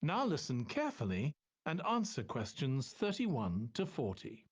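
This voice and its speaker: A man's voice: medium pitch, wildly swooping pitch, unhurried, breathy edge. A man reading scripted exam instructions as an announcer, formal and instructional.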